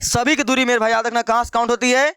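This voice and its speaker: A man's voice: extremely high pitch, level tone, very fast, sharp tone, clean tone, no echo, clean studio sound. A man teaching maths in a casual, chatty way, repeating questions to his students and calling them brother. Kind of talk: casual Hindi maths lesson.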